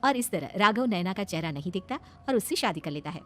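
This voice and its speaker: A woman's voice: medium pitch, animated, a little fast. A woman reading scripted narration as a storyteller.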